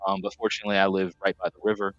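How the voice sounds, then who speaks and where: A man chats loosely on a live stream, wandering through tangents and catching himself mid-sentence. His voice sits a bit low yet comes across bright and forceful. The sound is dry and slightly dull, like a modest home setup. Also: flat delivery, racing, no room sound, soft background music. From New York, USA. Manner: rambling, self-correcting. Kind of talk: casual chat reading viewer comments.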